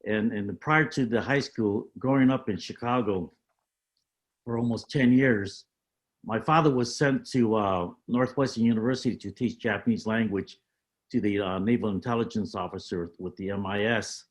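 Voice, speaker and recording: In a lowish voice, an older man talks about his life story as a panel guest on a video call. He chooses his words carefully, speaking haltingly and pausing on fillers.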